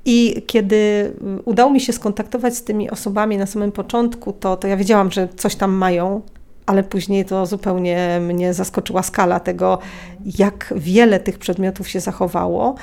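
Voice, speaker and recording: A woman's voice: medium pitch, flat delivery, normal speed, dark tone. A woman guest in an interview, telling stories animatedly with many hesitant fillers. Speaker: interview guest, researcher of a hotel's history. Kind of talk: casual interview.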